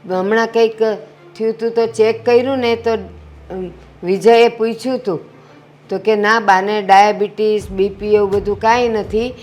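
A woman's voice: mid-range voice, steady tone, measured pace, a little mellow, faint music behind, close to an everyday voice. An actress playing a frail elderly mother-in-law who pleads plaintively for sweet tea. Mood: pleading. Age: older.

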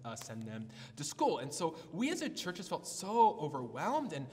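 A male pastor delivering a storytelling sermon in a slightly high voice that swings up and down with animation. He stumbles over restarts and fillers as he goes. The sound carries a long reverb from a large hall. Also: wildly swooping pitch, moderate pace, darkish tone. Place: church hall.

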